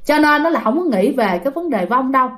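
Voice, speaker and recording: A woman's voice: high voice, expressive, fast, a bit bright. Chatty Southern Vietnamese woman storyteller. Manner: chatty, addresses listeners directly, many fillers. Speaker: ghost story narrator. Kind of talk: casual spoken storytelling.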